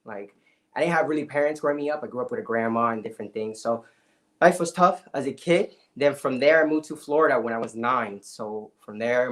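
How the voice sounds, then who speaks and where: A young man from the Dominican Republic, telling his life story as a podcast guest in an energetic, emphatic way. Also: mid-range voice. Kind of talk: casual interview storytelling.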